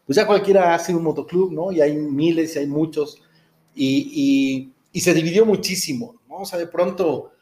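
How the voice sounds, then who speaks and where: Mexican guy podcast co-host, slangy and casual, slightly high voice, echoey room. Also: moderate pace, darkish tone. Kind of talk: casual street-slang chat. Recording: roomy, echoing sound.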